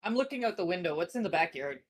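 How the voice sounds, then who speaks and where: A woman playing a tabletop game, eager and lively in character. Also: lowish voice, fast. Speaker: player.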